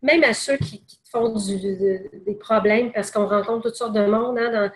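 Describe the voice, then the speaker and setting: A woman's voice: fairly high pitch, fairly even intonation, measured pace, roomy sound. A woman giving a sales training seminar in a conversational way, with many restarts and fillers.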